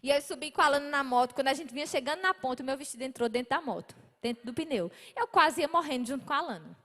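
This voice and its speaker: A Brazilian woman preaching a sermon in a church, telling a testimony with passion that rises toward near shouting. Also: high voice, expressive, fast, long reverb tail. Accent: Brazilian Portuguese. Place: church hall.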